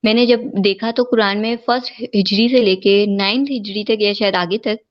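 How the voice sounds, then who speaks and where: A woman talks over an internet call whose audio keeps breaking and cutting out, so her words come through choppy. The sound is dull and lo-fi. She speaks haltingly, stopping and restarting often. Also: medium pitch, steady tone. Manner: halting, with many fillers and restarts. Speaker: guest on a live stream. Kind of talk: casual discussion over a video call. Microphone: remote internet call.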